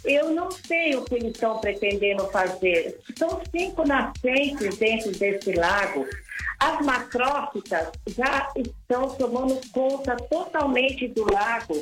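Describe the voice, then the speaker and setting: A woman's voice: a little high, animated, unhurried. A woman calling in to a radio show over the phone. She pleads earnestly and restarts her words often. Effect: heard over a phone line. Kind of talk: live call-in to a radio program. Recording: echoey phone line, faint music behind.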